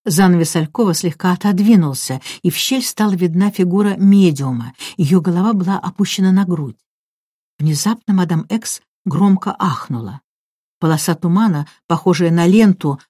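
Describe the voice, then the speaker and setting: A woman reading a mystery story aloud as an audiobook narrator, in steady, measured narration. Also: on the low side, breathy edge, no echo, clean studio sound. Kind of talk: scripted narration.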